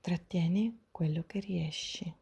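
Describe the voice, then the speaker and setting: A woman softly whispering a guided breathing meditation, gentle and soothing, step by step with long pauses, in a breathy, hushed spa-like voice. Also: lowish voice, highs cut off. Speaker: guided breathing and relaxation instructor.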